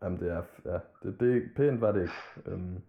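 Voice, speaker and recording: A man chatting casually on a podcast, rambling loosely and swearing freely. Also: deep voice. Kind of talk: casual chat about hip-hop. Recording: tinny phone-like line.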